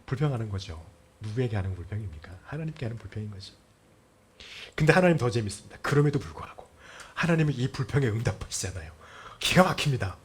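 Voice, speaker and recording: A middle-aged male pastor delivers a sermon with a slightly husky voice. His pitch swings widely as he tells Bible stories, acts out the quoted lines and sometimes sinks to a near-whisper. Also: big pitch swings, fast.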